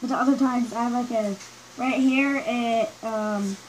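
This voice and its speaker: A woman reviewing gear while speaking through a gas mask, halting and unsure as she tries to talk louder. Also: fairly high pitch, fairly even intonation, slight background noise, poor audio. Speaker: product reviewer. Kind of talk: casual product review.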